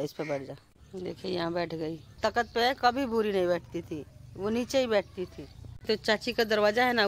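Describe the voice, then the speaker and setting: A woman vlogger, chatting to viewers and coaxing a puppy in soft baby talk, with sudden sharp scolding calls. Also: on the low side, a little hiss or hum. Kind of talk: casual home vlog.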